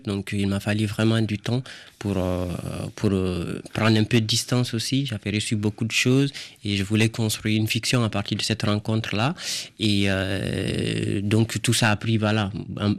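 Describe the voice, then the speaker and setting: A man, a playwright, answering interview questions in a hesitant, thoughtful way with many pauses. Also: on the low side. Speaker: playwright guest. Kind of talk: radio interview.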